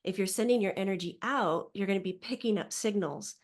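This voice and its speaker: Animated woman explaining psychic ideas. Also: mid-range voice, a little fast. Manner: animated, acts out quoted voices. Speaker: psychic medium guest. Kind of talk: casual podcast chat.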